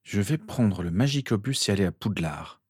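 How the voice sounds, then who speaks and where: A man's voice: on the low side, lively intonation, normal speed, breathy edge, dry recording, clean studio sound. A man reading the part of an earnest, desperate young wizard boy. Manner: pleading, insistent.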